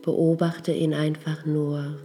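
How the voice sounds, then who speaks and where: Low, mellow female meditation guide, soft and slow delivery. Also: soft background music. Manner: slow, soft, calm instructions.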